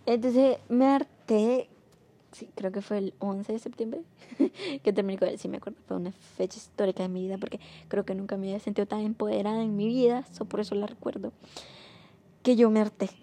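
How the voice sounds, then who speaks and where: A young woman telling a personal story in a casual, rambling way, with many fillers, mostly soft and subdued but rising when frustrated. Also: medium pitch, fairly even intonation, brisk. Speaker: vlogger.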